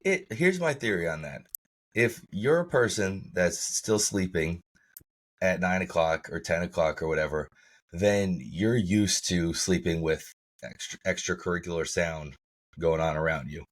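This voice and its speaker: A man co-hosting a podcast in casual chat, sounding tired and froggy as he comes down with a cold, rambling and swearing. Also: unhurried. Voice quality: husky, low and froggy. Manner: rambling, profane, laughs often. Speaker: podcast co-host.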